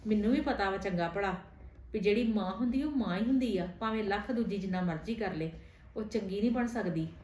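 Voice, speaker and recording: A woman playing a patient stepmother who softly coaxes and pleads with her stepson in a homemade family drama. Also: medium pitch, fairly quick, close to an everyday voice. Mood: resigned. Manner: soft, coaxing, affectionate pleading. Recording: roomy room with faint music.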